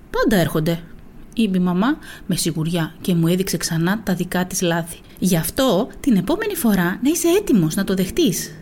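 Expressive woman reading a storybook aloud. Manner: expressive reading, voicing quotes with pitch lifts and whispers; casual, chatty comments with fillers after the reading. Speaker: children's book reader.

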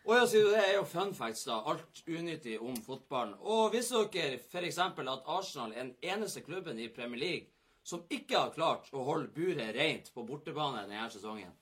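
Man host, husky, animated pitch, fast casual banter. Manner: lively, joking, hurried at times. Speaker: podcast host. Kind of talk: casual sports talk show.

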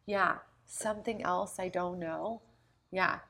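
A woman hosting a relaxed podcast chat. She talks loosely and informally and leans on fillers like "like" and "you know.". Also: on the low side, takes it slowly, gravelly, over a noisy crowd. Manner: chatty, filler-heavy. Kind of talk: casual chat.

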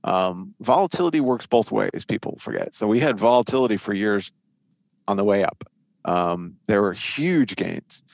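A man speaking as an expert interview guest, giving conversational market analysis in a halting way, often repeating and restarting words as he thinks. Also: fairly low pitch, animated, creaky, dry recording, highs cut off.

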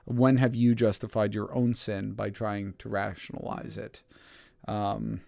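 A man hosting a casual Bible study discussion, talking in a thoughtful, halting way with many fillers. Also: fairly low pitch, level tone, creaky, darkish tone, no room sound. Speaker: Bible study podcast host.

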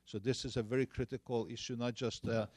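A man's voice: medium pitch, flat delivery, brisk, a little mellow, no echo. A man from Hungary with a Hungarian accent, giving hesitant panel remarks full of filler sounds and restarts. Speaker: panelist, former energy minister.

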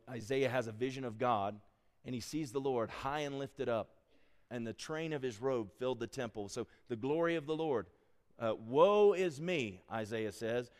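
Animated man preaching in a reverberant church. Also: medium pitch. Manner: animated preaching that quizzes the congregation. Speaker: pastor. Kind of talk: sermon. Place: church sanctuary.

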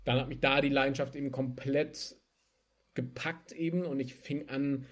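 In a casual interview, a young spirits entrepreneur from Germany tells stories in a lively way, laughing as he goes. He speaks at medium pitch and a moderate pace.

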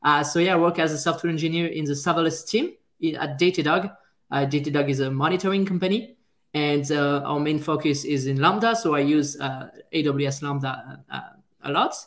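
A man with a French accent and a slightly higher voice speaks as an interview guest. He talks casually and pauses often with fillers, circling back to restart his sentences. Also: a bit bright. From France. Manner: hesitant, many fillers and restarts. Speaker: guest, software engineer.

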